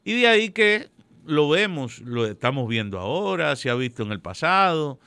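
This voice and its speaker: A man giving political commentary on a radio show, measured and prone to correcting himself. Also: fairly high pitch, sing-song, vocal fry, sharp tone, smooth, dry recording. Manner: measured, digressive, self-correcting.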